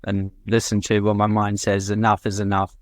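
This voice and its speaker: A man's voice: lowish voice, monotone, normal speed, dry recording. A man co-hosting a casual podcast chat, talking loosely, laughing often and swearing casually. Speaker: podcast co-host.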